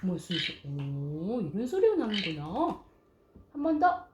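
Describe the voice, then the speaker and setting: A woman's voice: medium pitch, huge pitch swings, measured pace. A young woman, a mother, reading a picture book aloud to her infant in sing-song baby talk, with frequent coos and exclamations. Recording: echoey room, clear toy and background noise.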